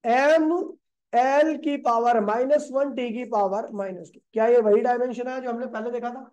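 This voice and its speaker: A man's voice: very high voice, steady tone, moderate pace, a little mellow. Man teaching class, keeps throwing questions out and answering them, calls students bro and kid. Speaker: physics teacher. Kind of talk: classroom lecture.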